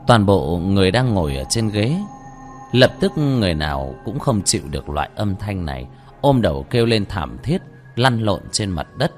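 Lively, low-voiced male storyteller. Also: normal speed. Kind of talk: dramatic audiobook narration. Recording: faint background music.

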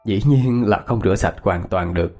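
A man's voice: on the low side, moderate pace, darkish tone, faint music behind. A man narrating a ghost story in a reminiscing storyteller's cadence.

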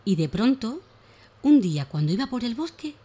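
Woman, speech therapist, radio guest, explanatory, animated storyteller. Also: on the high side, moderate pace, husky. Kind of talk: radio talk and children's story reading. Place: radio studio.

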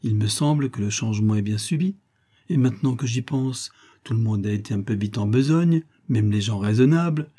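A man reading the part of a kindly, reflective older father in an audiobook, with a measured, fatherly manner. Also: medium pitch, dark tone, natural voice.

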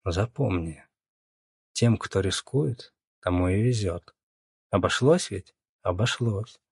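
A man's voice: deep voice, takes it slowly, gravelly, a little mellow, husky, no echo, clean studio sound, exaggerated voice. A man voicing a sly, confident young woman who talks in a cool, coaxing, lecturing way.

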